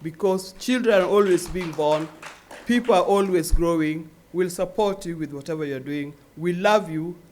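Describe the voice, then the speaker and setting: A woman's voice: on the low side, normal speed, a little mellow. An older woman, a grandmother, giving an earnest speech at a charity event and urging parents to care for their children. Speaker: guest speaker.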